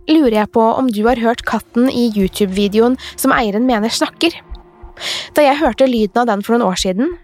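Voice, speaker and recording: A woman reading a scripted first-person horror story as a podcast narrator, in a calm, measured way. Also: a little high.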